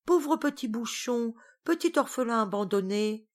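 A woman voicing a soft-hearted, motherly witch queen who coos fondly. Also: sits high, fairly even intonation, a little slow, voice pushed up. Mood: cooing. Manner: cooing, fond.

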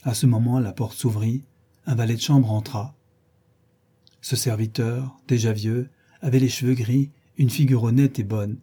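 A man narrates a classic novel in a measured, even storytelling voice. His tone is very dark and mellow, with a husky edge. His pitch sits in the middle. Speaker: audiobook narrator. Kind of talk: literary audiobook narration.

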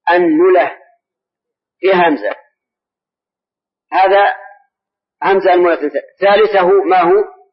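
High-voiced scholar on an old, dull recording. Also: male voice. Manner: slow, deliberate, repeats words and quizzes listeners. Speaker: Islamic scholar answering questions. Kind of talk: mosque lesson, explaining grammar. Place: large mosque.

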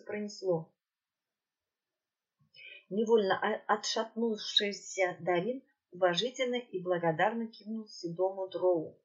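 A woman reading a fantasy novel aloud in the first person, with an even storytelling manner. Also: mid-range voice, husky, highs cut off. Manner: even storytelling, occasional slips. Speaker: audiobook narrator.

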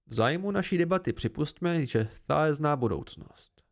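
Man voicing a chronicler, calm, firm, lecturing, gravelly. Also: on the high side. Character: calm, stern male chronicler, firm and patient.

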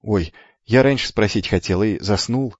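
A man voicing a brash, excitable young boy twin who talks loudly and insistently. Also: lowish voice, normal speed, no room sound, natural voice. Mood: excited. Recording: dull lo-fi with faint music.

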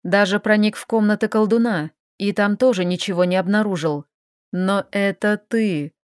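A calm, smug male elf from a fantasy audiobook, as a woman reader plays him, teasing in an even, slightly lowered voice. The recording is dry and close, with no reverb at all. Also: moderate pace, close to an everyday voice.

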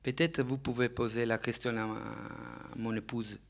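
An Italian conductor giving a live radio interview in French with a clear foreign accent. He is a native Italian speaker who halts, hunts for the right word and drops in Italian terms, in a mid-pitched male voice. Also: flat delivery. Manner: halting French, searching for words and slipping into Italian. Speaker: orchestra conductor, interview guest.

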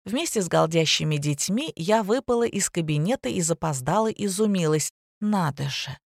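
A woman reading a first-person audiobook in a wry, even storytelling manner. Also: lowish voice, moderate pace, vocal fry, no echo, clean studio sound. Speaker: audiobook narrator. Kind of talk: scripted first-person narration.

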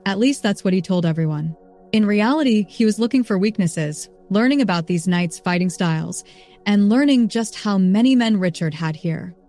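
A woman's voice: mid-range voice, lively intonation, moderate pace, dark tone, faint music behind. Woman narrating an audiobook.

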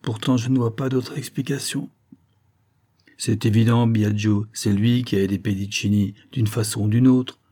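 A man's voice: fairly low pitch, fairly even intonation, normal speed, warm tone, lightly acted. A man voicing a blunt female police captain. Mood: reassuring. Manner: blunt, slangy, matter-of-fact.

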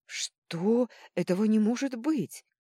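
A woman's voice: deep voice, normal speed, slightly rough, dry recording, studio quality, heavily acted. A woman doing a flustered male healer. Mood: agitated. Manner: excited, exclaiming.

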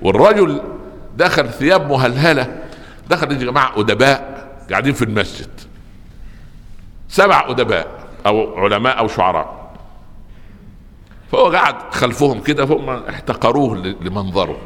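A man with an Egyptian accent giving a religious lesson to a live audience, telling stories with lively asides and tossing rhetorical questions to his listeners. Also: mid-range voice, moderate pace, long pauses, in a large hall. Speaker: preacher teaching a religious lesson.

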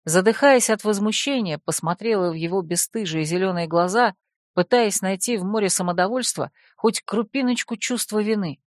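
A woman reading a first-person audiobook in an expressive, ironic storytelling manner. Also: medium pitch, moderate pace, no echo, clean studio sound. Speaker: audiobook narrator.

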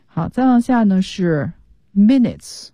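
A woman's voice: mid-range voice, very animated, slow, warm tone, no echo. A woman English teacher on a studio radio show, patiently explaining pronunciation step by step.

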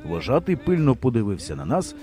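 A man narrating an audiobook in an expressive, humorous storytelling manner. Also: mid-range voice, fairly quick, soft background music. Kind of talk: scripted narration.

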